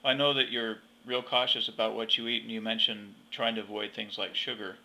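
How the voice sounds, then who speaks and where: A man's voice: lowish voice, level tone, brisk, gravelly, pushed and bright, poor audio. A man interviewing someone in a conversational style.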